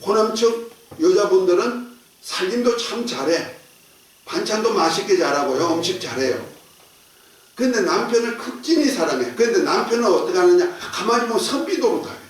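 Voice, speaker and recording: A man's voice: high voice, lively intonation, normal speed. A man preaching a sermon as a pastor, folksy and joking, leading the congregation in call and response. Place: church sanctuary. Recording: echoey church hall, distant mic.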